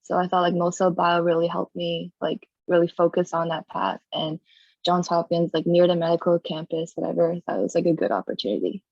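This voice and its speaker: A young woman from Toronto speaks in a low, flat voice that rarely rises or falls. She rambles casually, filling her speech with likes and whatevers. The lo-fi call audio sounds dull and dry. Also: fairly quick, creaky, dry recording. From Toronto, Canada. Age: young adult. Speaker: university student panelist. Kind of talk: casual panel talk on a video call.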